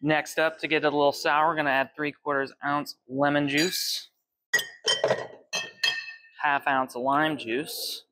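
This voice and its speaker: Inside a bar lined with shelves of bottles, a bartender in his twenties demonstrates cocktails, walking through each recipe step by step in a friendly way as he mixes. His voice is a little high, with noise in the background.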